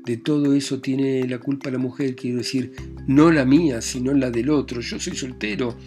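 A man playing a groveling, pleading gentleman. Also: medium pitch, steady tone, normal speed, soft background music, natural voice. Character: pleading, humiliated middle-aged man caught under a bed.

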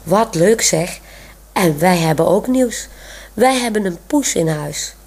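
A woman's voice: fairly low pitch, expressive, slow, vocal fry, darkish tone, exaggerated voice. Marianne, a woman reading as a sensible caretaker. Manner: sensible, thoughtful. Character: kindly adult female caretaker.

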